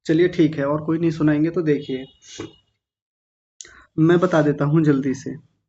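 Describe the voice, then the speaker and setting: A man teaching Sanskrit pronunciation, correcting students slowly and repeating words syllable by syllable. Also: on the high side, steady tone, dark tone. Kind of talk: online pronunciation class. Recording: dull lo-fi sound.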